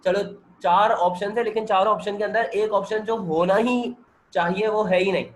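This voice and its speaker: A hoarse man, working through chemistry multiple-choice questions with a student on a video call and checking that the student follows. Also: high-pitched, fairly even intonation, normal speed, rough recording. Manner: explains step by step and keeps checking that the student understands. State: hoarse, with a sore throat and cold. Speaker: chemistry teacher. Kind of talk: MCQ-solving lecture over video call.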